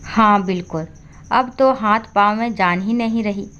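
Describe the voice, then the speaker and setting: A woman voicing a harsh, resentful daughter-in-law who talks in a sharp, scolding way in a storybook. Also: medium pitch, moderate pace, smooth, dull audio, natural voice. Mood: weary.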